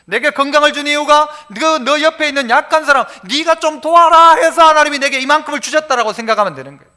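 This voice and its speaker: A man's voice: very high voice, quick pace. A middle-aged male pastor with a Gyeongsang accent, preaching a sermon, sometimes dropping into dialect and acting out quotes. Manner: preaching with dialect asides and acted quotes, varying loudness.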